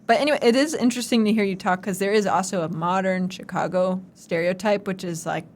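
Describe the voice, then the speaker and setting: A woman's voice: mid-range voice, quick pace. A young woman in her twenties co-hosting a casual chat, with a teasing, jokey manner. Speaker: co-host.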